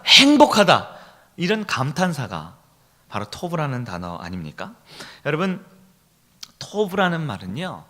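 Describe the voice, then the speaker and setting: A man's voice: fairly high pitch, a bit bright. A middle-aged man preaching a sermon in a church, who keeps asking the congregation questions and leads them in call-and-response. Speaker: pastor. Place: church sanctuary.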